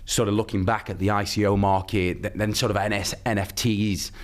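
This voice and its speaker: A man hosting a podcast interview who fills his questions with "sort of" and "obviously" and keeps agreeing in quick replies. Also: on the low side, little pitch movement. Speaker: podcast host. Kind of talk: casual interview.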